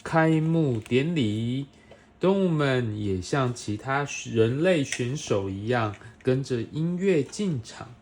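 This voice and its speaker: A woman's voice: rumbling low, expressive, takes it slowly, darkish tone, slight background noise. A woman reading a picture book aloud to a toddler, expressively, with questions and playful sound effects. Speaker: storyteller reading a picture book to a young child. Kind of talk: animated read-aloud to a toddler.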